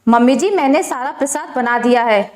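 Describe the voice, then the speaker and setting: A kind young daughter-in-law, voiced by a woman storyteller, speaks softly and pleadingly in a high voice. A roomy echo hangs on the recording. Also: normal speed, natural voice. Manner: soft, pleading.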